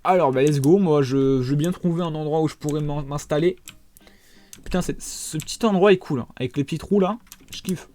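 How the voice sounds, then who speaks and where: A young man in his twenties talks through a game in a loose, rambling way, his voice sitting a little high. He swears often and speaks directly to his viewers. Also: fairly quick, warm tone, soft background music. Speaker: gaming YouTuber. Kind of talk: casual gameplay commentary.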